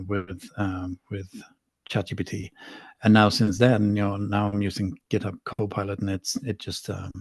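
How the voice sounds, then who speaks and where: A man's voice: on the low side, no room sound. A middle-aged man from Sweden, a podcast guest talking casually, rambling and self-deprecating with frequent restarts. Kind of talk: casual interview talk.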